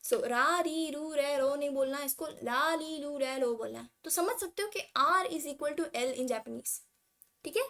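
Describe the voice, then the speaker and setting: A woman from India teaching a casual language lesson, mixing English words into her talk and reading syllable charts aloud slowly. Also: sits high, lively intonation, fairly bright tone.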